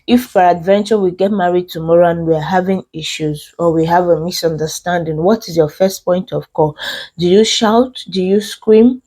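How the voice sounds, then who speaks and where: A woman's voice: on the low side, dark tone. A woman with a Nigerian accent and a congested, unwell voice hosts casual relationship advice, speaking emphatically with repeated phrases and posed questions. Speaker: host.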